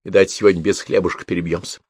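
A man's voice: deep voice, level tone, fast talker, husky, dry recording, studio quality. A man voicing a desperate, heavyset peasant woman who wails and pleads, in an audiobook. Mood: tearful pleading. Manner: wailing, pleading.

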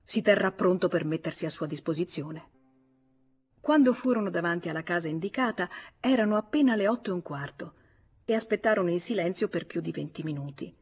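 Woman narrator for a literary audiobook; low, husky, measured. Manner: measured, even storytelling. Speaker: audiobook reader.

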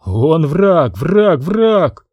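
A man voicing a crazed, vicious teenage boy who shrieks and yells in a frenzy. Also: a little high, big pitch swings, very slow, breathy edge, dry recording, studio quality, voice pushed up, exaggerated voice. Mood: raving. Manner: shrieking, frantic yelling.

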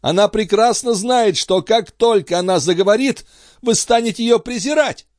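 A man voicing an anguished, jealous, imperious queen in an audiobook, crying out in a shrill falsetto. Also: lively intonation, measured pace, a little mellow, no echo, clean studio sound. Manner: shrill, cries out in high falsetto.

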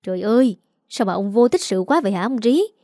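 A woman doing a shrill scheming wife. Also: animated, a little fast, warm tone, no room sound, clean studio sound. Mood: shrill nagging. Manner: shrill, nagging. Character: scheming young wife, shrill and sharp-tongued.

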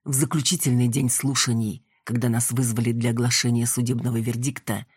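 A man reading a first-person audiobook in a measured, steady way. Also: medium pitch, slightly rough, no echo, clean studio sound. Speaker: audiobook narrator.

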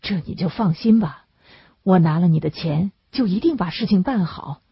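A woman's voice: fairly low pitch, lively intonation, normal speed, creaky, husky, no room sound, full character voice. Plain-spoken laborer man, read by a woman. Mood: coaxing. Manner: plain, colloquial, muttering asides. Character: poor laborer man, blunt then kindly. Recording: dull lo-fi dry recording.

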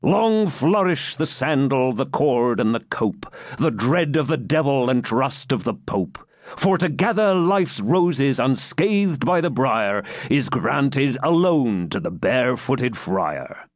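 A man's voice: mid-range voice, big pitch swings, slow pace, no echo, studio quality. A man reading as a jovial old hermit friar. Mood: merry.

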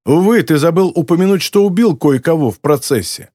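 A man voicing a condescending, sinister bald American man in an audiobook, speaking in a cold, mocking, deliberate way. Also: a little high, lively intonation, dark tone, dry recording, clean studio sound, pitched above the performer's own voice. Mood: scornful. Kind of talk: audiobook character voice.

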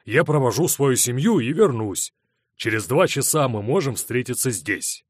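A man reading an audiobook voices a curt, impatient middle-aged businessman with clipped, sharp replies. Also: medium pitch, animated, moderate pace, no room sound, clean studio sound, close to an everyday voice.

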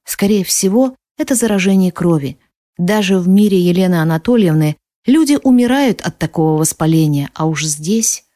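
A woman narrating a first-person audiobook in an expressive, sometimes hushed manner. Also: fairly low pitch, moderate pace, no echo, studio quality.

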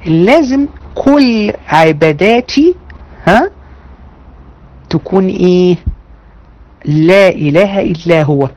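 A woman with an Egyptian accent teaching a religion class to women online. She talks in a lively, conversational way and asks the class rhetorical questions. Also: on the low side, takes it slowly, long pauses, low-quality recording. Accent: Egyptian Arabic. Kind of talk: online lecture to women students.

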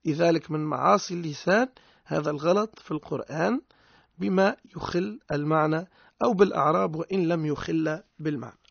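A man's voice: on the high side, brisk, creaky, dry recording, highs cut off. A man with a Tunisian accent giving a religious lesson, explaining points by asking and answering his own questions. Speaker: religious teacher.

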